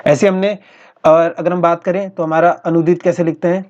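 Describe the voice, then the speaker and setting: A male teacher going through practice exam questions in a steady, explanatory way, often repeating each answer. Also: fairly high pitch, moderate pace. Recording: dull lo-fi recording.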